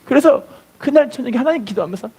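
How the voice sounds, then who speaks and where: Animated husky-voiced male pastor. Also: very high voice, quick pace. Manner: animated, acts out voices in the story, leads congregation in repeating. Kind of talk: sermon with storytelling. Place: church.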